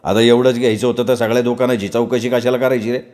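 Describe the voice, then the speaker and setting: A man's voice: mid-range voice, flat delivery, quick pace, darkish tone, natural voice. A man voicing an irritable sweet-shop owner who snaps and scolds a customer, his voice raised. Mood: irritated. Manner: snapping, scolding. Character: gruff middle-aged male sweet-shop owner, irritable.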